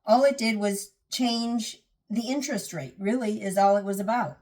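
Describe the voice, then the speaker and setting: A woman's voice: medium pitch, moderate pace, darkish tone. A woman vlogger talking casually about getting out of debt. She is earnest, often restarts and repeats phrases for emphasis, and sounds a little tired. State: tired, yawning. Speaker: personal finance vlogger. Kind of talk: casual talk to camera.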